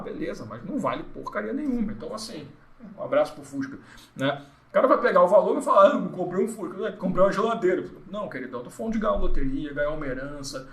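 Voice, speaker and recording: A Brazilian man teaches an exam-prep law class in a casual, joking way, slipping into little acted-out bits of dialogue. His voice sits fairly high for a man. The sound rings around a roomy, echoey space. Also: fairly bright tone. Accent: Brazilian Portuguese. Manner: joking, chatty, acts out quoted people. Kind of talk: informal recorded lesson.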